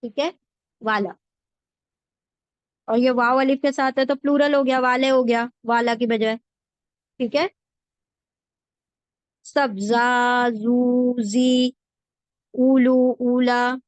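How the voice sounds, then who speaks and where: A woman teacher with a fairly high voice talks very slowly and patiently, repeating each word so her students can follow. Her sound is close and dry, with almost no room around it. She breaks every meaning down step by step. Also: steady tone, no echo. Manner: slow, repeats words and meanings for drilling. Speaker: Quran word-by-word translation teacher. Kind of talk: patient classroom explanation with repetition.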